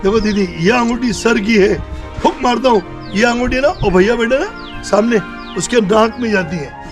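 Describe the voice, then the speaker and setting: High-voiced chatty street magician man. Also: normal speed. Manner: chatty showman, coaxing and joking with onlookers. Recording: loud background music over outdoor audio. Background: loud music.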